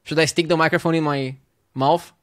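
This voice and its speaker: A male streamer in casual live gameplay commentary, hyped and joking as he chats with viewers. His voice sits a little high for a man. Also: fairly even intonation, brisk.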